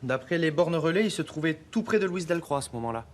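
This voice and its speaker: An actor playing a methodical police technical investigator in a TV crime drama, reporting in a factual way. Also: male voice, fairly high pitch, lively intonation, quick pace, natural voice. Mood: focused. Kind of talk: naturalistic TV crime drama acting. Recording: TV soundtrack with background ambience noise.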